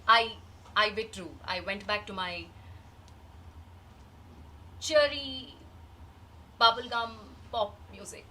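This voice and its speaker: A woman playing a grieving, wistful woman in a rehearsed reading of a dramatic monologue, measured and halting with long pauses. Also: medium pitch, bright, forceful tone. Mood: wistful, reflective. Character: grieving woman recalling a dead loved one, wistful and searching. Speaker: actor in a rehearsed reading of a play. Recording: distant microphone, faint background noise.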